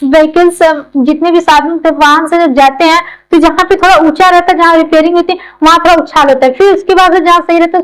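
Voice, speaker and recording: Woman with a very high voice who teaches by everyday comparisons and quick questions she answers herself. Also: rough recording. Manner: keeps asking and answering her own questions. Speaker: biology teacher. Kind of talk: explanatory classroom lecture.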